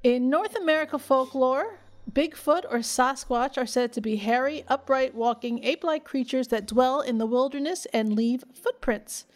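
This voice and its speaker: A woman's voice: sits high, normal speed. A woman co-hosting a podcast in a casual, chatty style. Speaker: podcast co-host. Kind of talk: casual chat, partly reading out facts.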